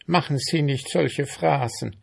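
A shrill, bossy female ant , put on by a male storyteller, who lectures and scolds in a raised, pushy voice. She is pompous and energetic, with a slow, gravelly edge underneath. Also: exaggerated voice. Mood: lecturing.

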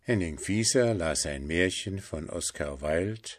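Slow, low-voiced man reading a fairy tale. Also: animated. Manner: measured, unhurried storytelling. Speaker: narrator.

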